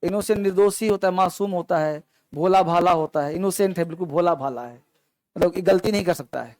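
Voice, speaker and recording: A man leads a grammar lesson. He explains slowly and repeats words to drill his students. The recording is dry and close, with no room echo. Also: sits high, darkish tone. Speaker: teacher.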